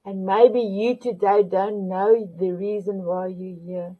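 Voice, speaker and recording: Slow-talking woman. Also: medium pitch, fairly even intonation. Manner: warm, repetitive terms of endearment, searching for English words. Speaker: talk show host. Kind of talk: motivational talk to viewers. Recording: phone-line quality audio.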